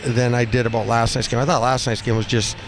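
Recorded through a headset boom mic in a noisy cinder-block room at an indoor rink, a man in his fifties talks off the cuff after a game. The medium-pitched hockey coach is blunt and halting, repeating phrases frequently, over a constant arena din.

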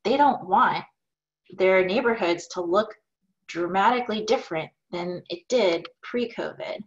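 A woman in her forties who owns a small business answers interview questions on a video call from her home office. Her mid-range voice is unhurried, and she sounds upbeat and thoughtful, using some fillers. The webcam audio is dull and lo-fi.

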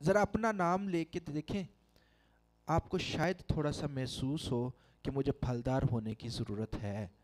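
A middle-aged Pakistani pastor with a Pakistani Urdu accent, preaching a sermon into a handheld mic in a large church hall, with emphatic calls to the congregation. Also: male voice, on the high side, unhurried, a little mellow. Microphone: handheld microphone.

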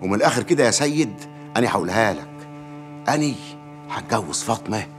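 Actor doing sly village mayor, talks quick and calm, veiled threats, tv drama. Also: male voice, lowish voice, faint music behind, lightly acted. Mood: menacing calm. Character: scheming village mayor, middle-aged man, sly and self-assured. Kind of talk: TV drama acting.

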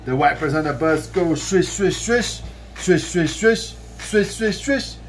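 A man's voice: a little high, animated, slow, a little hiss or hum. A man in his thirties singing a children's song from a book to his child in a bedroom, playful and sing-song, drawing out the line endings. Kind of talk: sung read-aloud of a children's song. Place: bedroom, lying on a bed. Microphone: camera a few feet away.

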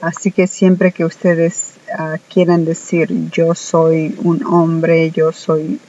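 A woman whose first language is Spanish, teaching an online English lesson slowly and deliberately, often pausing on "ah". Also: low-pitched, completely flat delivery, warm tone, highs cut off. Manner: slow, deliberate, many hesitant "ah" fillers.

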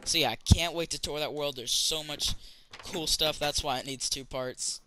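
A gaming channel host chats casually while playing a building game, his voice fairly high and steady at a normal speed. He rambles through the let's-play commentary with plenty of fillers and restarts, and there's background noise behind him.

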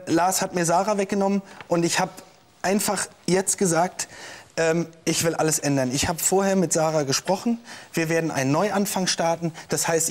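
A man's voice: on the high side, lightly acted. An actor playing a jilted young man on the witness stand in a scripted courtroom show, hesitant and full of fillers, flaring into anger. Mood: defensive.

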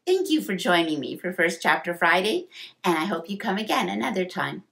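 Lady librarian reading a kids' book out loud, lively, kinda low pitched. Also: a little fast, creaky. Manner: expressive, lively voices for dialogue. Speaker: children's librarian reading aloud. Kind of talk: storybook read-aloud.

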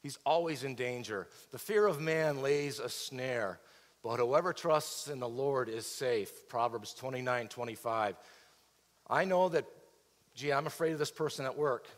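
Middle-aged pastor preaching in a hall. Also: male voice, mid-range voice, unhurried. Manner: expository preaching with rhetorical questions, pacing the stage. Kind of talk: sermon. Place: large church auditorium stage. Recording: reverberant church hall.

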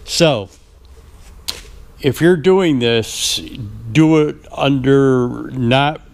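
Man, 50s, unhurried drawl, lots of ums and throat clearing, garage vlog, mid-pitched voice. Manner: halting, many fillers and throat clearing. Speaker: restoration shop owner. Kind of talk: casual shop update vlog. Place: large indoor workshop garage. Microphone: action camera on head or chest.

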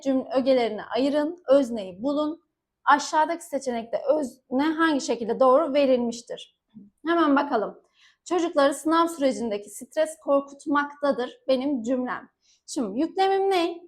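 A young woman with a high voice teaches an exam-prep lesson. She asks short questions and answers them herself in quick call-and-response. She stops often to warn her students directly and stresses the key words. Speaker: Turkish teacher.

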